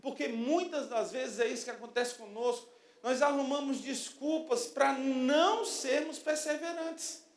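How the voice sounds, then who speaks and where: A man in his thirties preaching a sermon as pastor, lively and storytelling, acting out little quotes. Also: very high voice, a little slow. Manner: animated preaching with acted-out quotes. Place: church sanctuary. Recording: echoey church hall.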